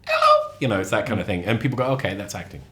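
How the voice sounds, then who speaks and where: A man chatting as a podcast guest, lively and animated, often repeating and restarting his words. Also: rapid-fire. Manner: animated storyteller, acts out quotes with sudden high voices. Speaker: lecturer. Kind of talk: casual chat.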